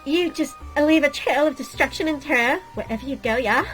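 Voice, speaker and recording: A woman's voice: high-pitched, a bit bright, soft background music, pitched above the performer's own voice. A woman voicing a haughty young mermaid princess who speaks in a pompous, aristocratic way. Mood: delighted. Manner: pompous, drawn-out aristocratic delivery.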